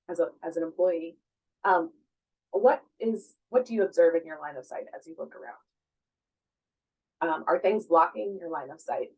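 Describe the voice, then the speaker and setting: A woman with a cold-roughened voice presents at an academic conference, speaking in a measured manner, often using fillers and asking the audience questions. Her voice sits on the low side, and the recording quality is poor.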